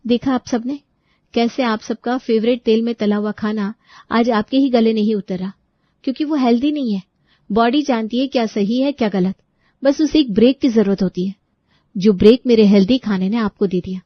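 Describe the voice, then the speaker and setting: A woman's voice: fairly high pitch, moderate pace, no echo, lo-fi sound, natural voice. A woman voicing a caring young daughter-in-law who explains herself patiently. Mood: calm explaining.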